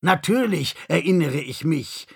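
A man's voice: on the high side, animated, takes it slowly, vocal fry, slightly rough, full character voice. A man doing a scratchy, dazed, stubborn man. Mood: indignant. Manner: defiant.

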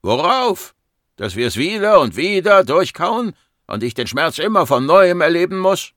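A man's voice: medium pitch, big pitch swings, unhurried, fairly bright tone, no echo, studio quality. A man voicing a grieving, irritable doctor in his forties, bitter and agitated, in an audiobook. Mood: anguished.

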